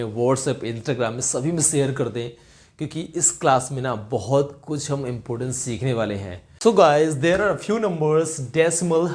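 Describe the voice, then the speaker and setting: Young male teacher for a video lecture, slightly high voice, poses questions to the class and repeats the answers. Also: darkish tone. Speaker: spoken English teacher.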